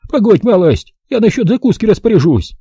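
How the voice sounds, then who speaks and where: A man playing a shrill, bossy old village granny. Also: sing-song, fairly quick, warm tone, husky, dry recording, clean studio sound, heavily acted. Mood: scornful. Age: older. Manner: scolding, rustic, brusque. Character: feisty old village woman, sharp-tongued, bossy.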